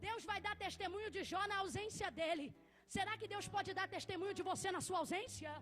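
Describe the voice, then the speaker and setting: Uma pregadora com sotaque brasileiro, pregando com fervor num culto à noite, às vezes gritando. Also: female voice, very high-pitched, quick pace, over music. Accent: Brazilian Portuguese. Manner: impassioned preaching, rising to shouts. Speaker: preacher. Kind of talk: sermon. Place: church service at night.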